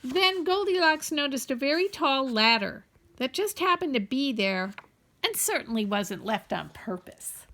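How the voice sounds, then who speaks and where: A woman reading a children's story aloud in an expressive, playfully wry and deliberate way. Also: high voice. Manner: playfully wry, deliberate, addresses young listeners. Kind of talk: animated storybook read-aloud.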